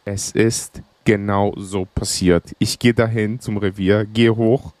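Man telling an animated anecdote. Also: lowish voice, slow, no room sound. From Greek background. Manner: animated anecdote, acts out dialogue. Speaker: podcast co-host. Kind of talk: casual storytelling.

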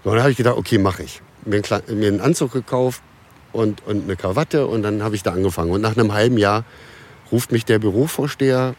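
A man in his fifties from Germany, a musician guest in a casual podcast conversation, telling stories in a relaxed way with many restarts and fillers. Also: on the low side, fast talker.

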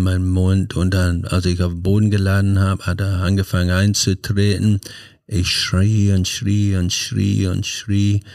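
Low flat-voiced older man. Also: no echo, studio quality. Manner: halting, many fillers and restarts. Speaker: podcast guest. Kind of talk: personal storytelling.

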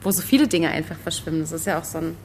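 A woman from eastern Germany co-hosting a literary podcast, talking in an animated, emphatic way and often searching for words. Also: low-pitched, rapid-fire, slight background noise. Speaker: podcast co-host. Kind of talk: casual book discussion.

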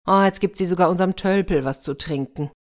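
A woman's voice: fairly low pitch, quick pace, pitched above the performer's own voice, close to an everyday voice. A woman voicing the scornful elder brothers in a storybook tale, talking down to their youngest brother. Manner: mocking, dismissive.

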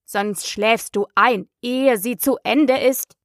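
A woman's voice: fairly high pitch, steady tone, slow, no room sound, clean studio sound. Woman playing a brusque, mocking hatter. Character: rude, triumphant eccentric male hatter.

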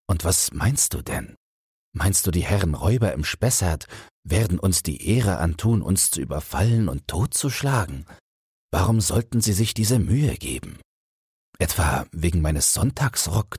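A man's voice: low voice, a little mellow, breathy edge, no room sound, studio quality, full character voice. A man voicing a carefree journeyman smith who teases his fearful companion in a fairy-tale audiobook. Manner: teasing, easygoing.

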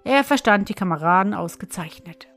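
A woman reading a fairy tale aloud as narrator, in an even storytelling manner. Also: mid-range voice, brisk, faint music behind.

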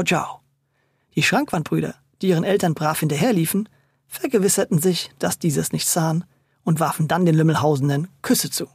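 A storyteller reading a scripted children's story in a lively, playful way. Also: mid-range voice, breathy edge, no echo, studio quality.

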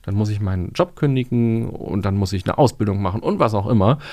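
A man with a somewhat low voice talks through ideas in a relaxed studio conversation. He explains with everyday examples and slows right down to stress single words. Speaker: resilience coach, podcast guest. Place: podcast studio.

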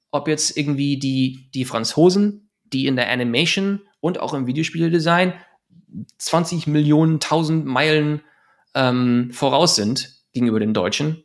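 A German man in his thirties, a podcast guest, talking in a fast, rambling way with many fillers and restarts. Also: medium pitch. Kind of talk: casual podcast interview.

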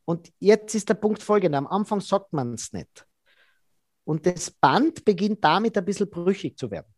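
A man, a body language expert being interviewed, who explains in a lively way and acts out quoted dialogue. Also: sits high, normal speed, no echo, clean studio sound.

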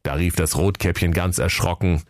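A man with a northern German accent narrating a comic fairy tale in a lively, playful storytelling manner. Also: sits low, moderate pace, dry recording, clean studio sound.

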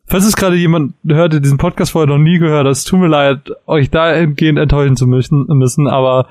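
Man, slightly high voice, podcast co-host, relaxed explainer, dry sound. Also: quick pace, no echo. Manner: relaxed, explanatory, acts out dialogue. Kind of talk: casual chat about video games.

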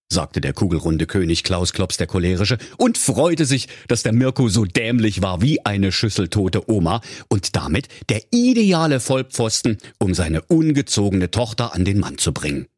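A man's voice: lowish voice, sing-song, moderate pace, hardly any pauses, a little mellow, slightly rough, no echo, clean studio sound. A man telling a comic fairy tale in a mock-solemn, playful way. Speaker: storyteller.

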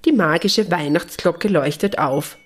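Brief: woman narrating a bedtime story for children, gentle and clear, a touch low. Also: measured pace.

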